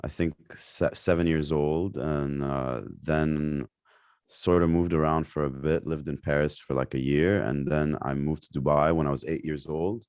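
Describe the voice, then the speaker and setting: Podcast guest: young man from Lebanon, very low voice, loose chatty delivery full of fillers. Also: steady tone, a little slow, darkish tone, smooth, no room sound, studio quality. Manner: rambling, many fillers and restarts. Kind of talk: casual interview chat.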